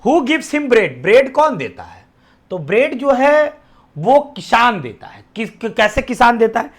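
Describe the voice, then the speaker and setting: A man's voice: very high-pitched, very animated, a little slow. A man with a Bihari Hindi accent teaching an exam-prep lesson. He quizzes his students, repeats the answers back to them as questions, and drops almost to a whisper on the answers.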